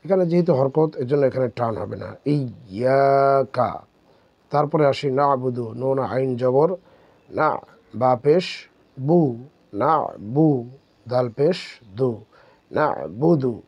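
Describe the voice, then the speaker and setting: A man teaching Quran reading step by step, spelling out letters and drawing out syllables slowly. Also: medium pitch, dry recording, lo-fi sound. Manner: slow, drawn-out syllable drills. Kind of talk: step-by-step recitation lesson.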